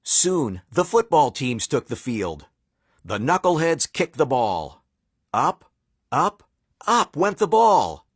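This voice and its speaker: A man narrating a children's storybook in a playful, animated way, with dramatic pauses. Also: on the high side, breathy edge, no echo.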